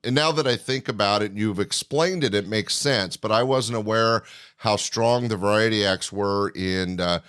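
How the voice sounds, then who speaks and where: A man's voice: fairly low pitch, normal speed, a bit bright, smooth, no echo. Dry-sounding male podcast interviewer. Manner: effusive, complimentary. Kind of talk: conversational interview.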